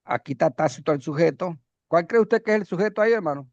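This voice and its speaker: A man teaching Bible Greek grammar in a classroom lecture, halting, with many fillers and questions to the class. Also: fairly high pitch, expressive, vocal fry, a little mellow, no echo, dull audio.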